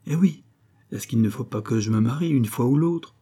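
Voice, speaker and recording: A man voicing a moody, imperious young count, lovesick and emotional, with a husky voice. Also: mid-range voice, normal speed, dark tone, close to an everyday voice. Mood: coaxing.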